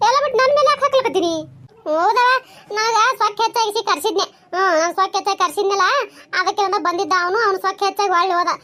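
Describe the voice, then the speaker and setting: A woman's voice: very high voice, bright, forceful tone. A woman voicing a fretful, complaining middle-aged village mother in a cartoon, with a North Karnataka Kannada accent and a scolding, lamenting way of talking. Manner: scolding, lamenting, talks fast.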